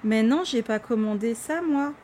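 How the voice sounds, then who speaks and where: A woman's voice: fairly high pitch, moderate pace, a little hiss or hum. Chatty young woman unboxing on camera. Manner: chatty, animated, lots of fillers. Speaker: vlogger. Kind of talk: casual unboxing chat to camera.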